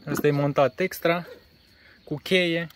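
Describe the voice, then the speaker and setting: A man's voice: fairly high pitch, fairly even intonation, background noise. A Romanian man casually showing his caravan outdoors, talking plainly with a few fillers while filming on a phone. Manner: plain, matter-of-fact, pauses with fillers. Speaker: caravan seller. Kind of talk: casual walkaround presentation. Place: outdoors on a grassy lot beside a caravan. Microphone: phone camera held by the speaker.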